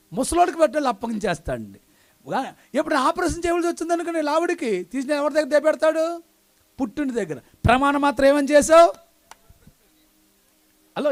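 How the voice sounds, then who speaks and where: A man preaching a live sermon who keeps asking the congregation questions and swings between loud calls and quiet asides. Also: very high-pitched. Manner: asks the congregation question after question. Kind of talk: live sermon with call-and-response.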